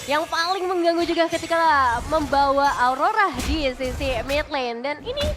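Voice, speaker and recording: A woman's voice: sits high, normal speed. A woman with an Indonesian accent giving conversational esports commentary as a caster. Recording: music behind the voice. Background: music.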